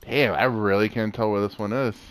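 A man's voice: fairly low pitch, steady tone, a little fast, clear, resonant tone. A man chatting casually while playing a co-op game, often exclaiming and laughing. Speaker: gamer. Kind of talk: casual co-op gameplay chat.

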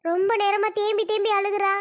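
Woman playing a shrill fretful village mother. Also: flat delivery, brisk. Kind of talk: family drama skit.

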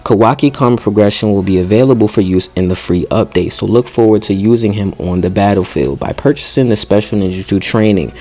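A man, a gaming YouTuber, reading game update notes aloud, stumbling over words now and then and breaking off for slangy, excited asides. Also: lowish voice, fairly quick, hardly any pauses. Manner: slangy excited asides between read passages; stumbles and restarts while reading.

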